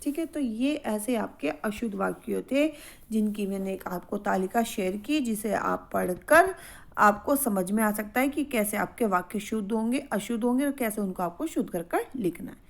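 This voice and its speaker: A woman teaching a grammar lesson, reading words out slowly and saying each one twice. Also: medium pitch, lively intonation, vocal fry. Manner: slow, careful, repeats each word twice.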